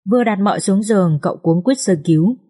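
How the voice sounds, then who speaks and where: Woman, expressive audiobook narrator, mid-pitched voice. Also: fairly quick, slightly rough. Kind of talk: storytelling narration.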